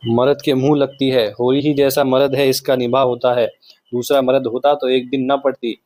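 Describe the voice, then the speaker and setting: A man's voice: medium pitch, little pitch movement, moderate pace, a little mellow, no echo, close to an everyday voice. A man voicing a gossipy village shopkeeper woman who needles and stirs trouble, in a storybook reading. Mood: spiteful.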